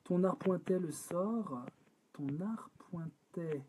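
A man's voice: sits high, very noisy. A French man writing a song live, singing draft lines over guitar and talking through syllable counts with the chat. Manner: sings lines over guitar, then breaks off to talk quickly and softly about syllables. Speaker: songwriter leading a live collaborative session.

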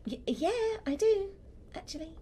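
A woman voicing a bubbly, bossy young woman who teases loudly in a comedic gaming role-play. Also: animated, a little slow, slight background noise. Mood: teasing. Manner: high, loud and teasing.

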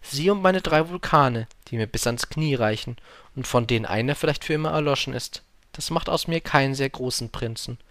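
A man voicing a gentle, earnest young boy prince in an audiobook reading. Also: mid-range voice, brisk, dry recording, natural voice.

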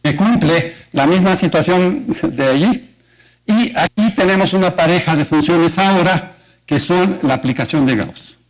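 A man's voice: fairly high pitch, unhurried, poor audio. A man with a Mexican Spanish accent giving a university mathematics colloquium talk in an auditorium, explaining step by step and asking the audience rhetorical questions. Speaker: mathematics lecturer. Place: lecture auditorium.

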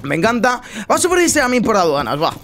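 High-voiced man commenting gameplay. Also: huge pitch swings, fast talker. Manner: chatty, slangy, bursts into loud teasing shouts. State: just woken up. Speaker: gaming streamer.

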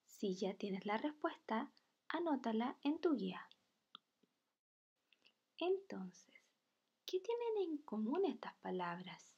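A woman teaching a children's video lesson, reading words slowly and carefully. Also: fairly high pitch, very animated, darkish tone, dull audio, slight background noise.

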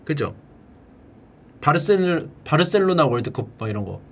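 Husky, lively male streamer. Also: moderate pace. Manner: playful, drills words by repeating them in a high echo; bursts into shouted cheers. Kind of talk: casual livestream chat.

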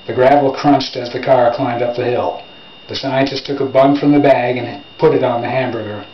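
A man reads his short story aloud in a plain, unhurried voice. The sound is muffled and lo-fi, with a roomy echo and a faint hiss behind him. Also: mid-range voice. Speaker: author reading his own story. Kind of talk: unhurried literary reading. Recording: roomy, dull lo-fi home recording.

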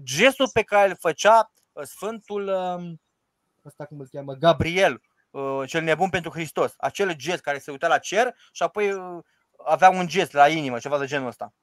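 Male priest, high-pitched, dry close mic; emphatic, rhetorical teacher who recites prayers. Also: dry recording. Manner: emphatic and rhetorical, quotes the liturgy aloud. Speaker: Orthodox priest. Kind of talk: informal teaching discussion.

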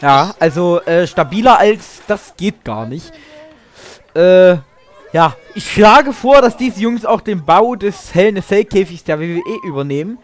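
Male wrestling commentator with a high voice, sarcastic and joking, mock-indignant. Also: expressive, unhurried.

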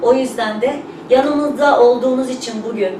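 A woman's voice: high voice, brisk. Woman doing an informal thank-you speech, emphatic, repeats herself, echoey and a bit far from mic. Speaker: company representative hosting a showroom opening. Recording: echoey room, distant mic, noisy background.

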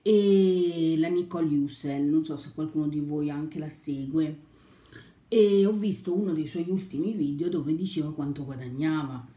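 In an echoey room, a young woman who makes YouTube videos talks casually during breakfast, wandering from topic to topic and now and then speaking with her mouth full. She has a low, dark voice and talks at a normal speed.

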